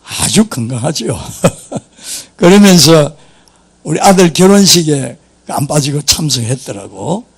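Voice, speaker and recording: A gravelly, fairly high-pitched older man delivers a sermon in a thick Gyeongsang Korean accent. He is a pastor who preaches in a folksy, joking storytelling manner and often chuckles between his points. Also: takes it slowly.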